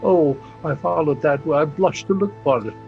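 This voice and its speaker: An amateur actor reads the part of a shamed, despairing older general in Shakespeare, a grey-flecked man full of self-reproach, halting and stumbling through the lines with exclamations. His fairly high voice has vocal fry and an anguished, commanding tone. It's heard over a dull, lo-fi video call with faint music behind.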